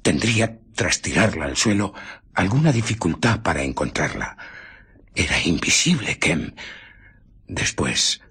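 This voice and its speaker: An obsessive, secretive scientist in a radio play, with an accent from Spain. His deep voice is heavily husky and breathy. He tells his tale with theatrical intensity and dramatic swings of intonation. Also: sing-song, a little slow, pushed and bright, exaggerated voice. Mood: awed, intense. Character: obsessive, irritable male scientist, brooding and secretive. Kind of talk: Spanish radio drama acting.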